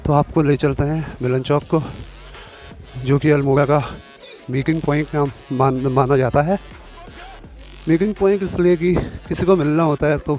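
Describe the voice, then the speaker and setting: Walking through outdoor market streets, a young man from Uttarakhand, India, chats with viewers as tour guide for his city vlog. His voice runs on the high side with a darkish tone and a slightly sore throat, recorded on a phone camera with music behind it.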